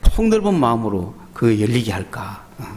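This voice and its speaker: A male pastor with a Gyeongsang Korean accent, preaching a sermon in an animated storytelling way, often asking the congregation questions. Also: mid-range voice, normal speed, a little hiss or hum.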